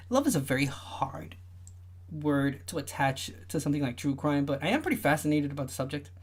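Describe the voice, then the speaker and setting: On his casual livestream, a young man rambles through relaxed chat, peppering his talk with "uh"s and frequent restarts. His voice is high and light enough that people often take him for a woman.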